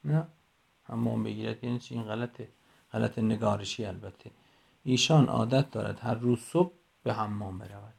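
A man, middle-aged, teaching a class in a recorded voice message on a phone, explaining slowly and going through examples one by one. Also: on the low side, creaky, a little mellow, breathy edge. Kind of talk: recorded lecture.

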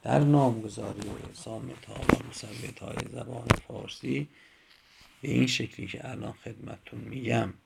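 A man's voice: mid-range voice, steady tone, gravelly, very noisy. A man teaching a grammar lecture, explaining step by step with examples.

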